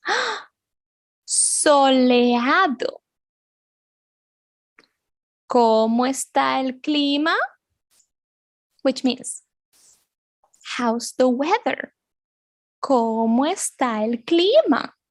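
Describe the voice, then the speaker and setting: A woman teaching a beginners' language lesson for children, animated and playful, repeating words slowly with sound effects. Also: high-pitched, no echo, clean studio sound. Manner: animated, exaggerated, slow repetitions with sound effects. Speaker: Spanish teacher.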